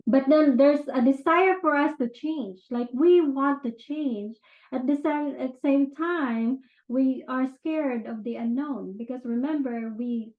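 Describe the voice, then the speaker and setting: A fairly high-pitched woman from the Philippines, a self-improvement teacher, talks to the camera about personal change in a casual, explanatory way. Her Filipino-accented delivery is chatty and conversational, full of fillers and frequent "right?" check-ins. The audio sounds tinny, like a phone, in an echoey room.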